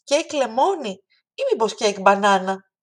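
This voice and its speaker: A woman's voice: on the high side, animated, voice pushed up. A woman voicing a friendly, helpful talking hand that reassures a child in a storybook reading. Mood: cheerful.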